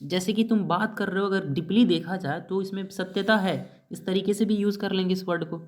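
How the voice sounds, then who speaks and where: In a brisk, high-pitched voice, a man runs an exam-prep vocabulary lesson as an English teacher. He spells the English words he mixes in letter by letter and answers the questions he puts to his class himself.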